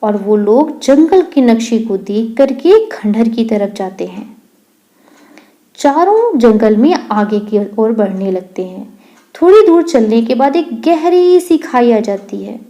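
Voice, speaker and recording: A woman narrating a children's story in a lively, explaining way. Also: a little high.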